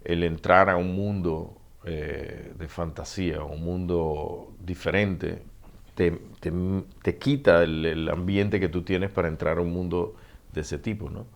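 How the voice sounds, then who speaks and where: Deep gravelly Panamanian man telling stories. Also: a little slow. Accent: Panamanian Spanish. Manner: animated storyteller, acts out dialogue, laughs often. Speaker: author guest. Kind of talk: casual interview storytelling.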